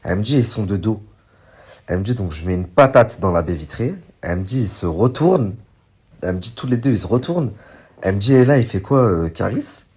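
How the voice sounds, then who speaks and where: A man casually retelling a story to his viewers, rambling with many fillers and animated bursts when he quotes others. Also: fairly low pitch, brisk, slightly rough. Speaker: online commentator recounting a story.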